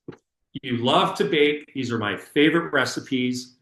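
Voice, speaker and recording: A middle-aged man leading a workshop. He talks in an energetic, emphatic way, repeating words and using plenty of fillers. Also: mid-range voice, moderate pace, echoey room. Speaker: workshop instructor. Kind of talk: public speaking workshop talk.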